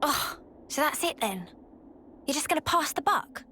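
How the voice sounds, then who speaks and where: A nosy, blunt young companion. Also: female voice, high voice, animated, normal speed, pushed and bright, slight background noise. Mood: pushy. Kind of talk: video game dialogue.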